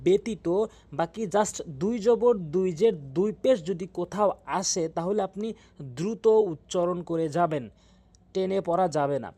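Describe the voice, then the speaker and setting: A man teaching Quran reading, drilling Arabic letter sounds slowly and repetitively, patient, with frequent pauses. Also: high-pitched, darkish tone. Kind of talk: step-by-step recitation lesson.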